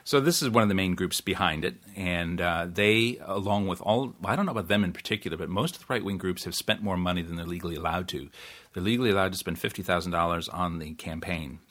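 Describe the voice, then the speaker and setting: Talking fast in a low, fairly bright voice, a New Zealand podcast host delivers a casual solo monologue. His chatty style is full of restarts and self-corrections, punctuated by wry laughs and asides.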